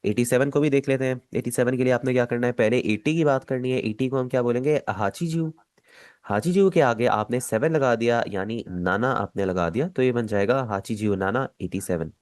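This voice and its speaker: A man with a Pakistani Urdu accent, teaching an online language lesson, patient and repeating each step slowly. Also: mid-range voice, a little mellow, no room sound, studio quality.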